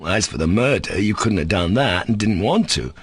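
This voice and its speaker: A man's voice: lowish voice, expressive, normal speed, slightly rough, no room sound, clean studio sound. A man voicing a sickly, insolent male servant. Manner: cool, defiant, sarcastic.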